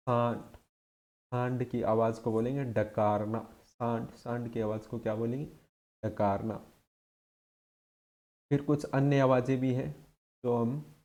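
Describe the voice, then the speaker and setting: A man's voice: medium pitch, a little mellow. A man teaching an exam-prep lesson, drilling his points by asking questions and answering them himself.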